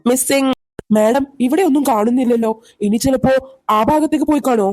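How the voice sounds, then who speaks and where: A woman doing a low, earnest cartoon man. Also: a little fast, darkish tone, slight background noise, natural voice. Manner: polite, moralizing, addresses her as madam. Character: earnest adult man helping search for a lost dog. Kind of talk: cartoon voice acting.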